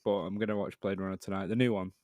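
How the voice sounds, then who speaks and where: A man's voice: deep voice, little pitch movement, very fast, darkish tone, no echo, clean studio sound. A British man co-hosting a podcast, chatting casually in a talkative, opinionated way with some swearing. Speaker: podcast co-host.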